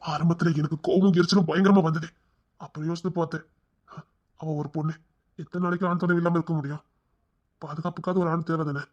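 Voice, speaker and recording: A man voicing a heartbroken widower, quiet and low. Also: fairly even intonation, muffled recording, close to an everyday voice. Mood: sorrowful. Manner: quiet, subdued, halting. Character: grieving middle-aged man, soft and heartbroken.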